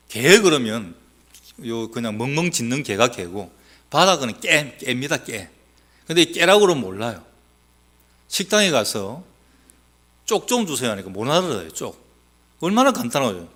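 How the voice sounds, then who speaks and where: Male pastor, Gyeongsang accent, bright lively sermon delivery, emphatic swings in pitch. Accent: Gyeongsang Korean, mixed. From South Gyeongsang, Korea. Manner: emphatic, rising to loud exhortation, then dropping low; teasing, asks the congregation questions.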